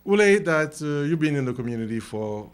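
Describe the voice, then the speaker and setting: A man's voice: a little high, very animated, fairly quick, clear, resonant tone. A man from Haiti co-hosting a talk show, who tells anecdotes in a jovial way and laughs at his own jokes. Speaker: co-host.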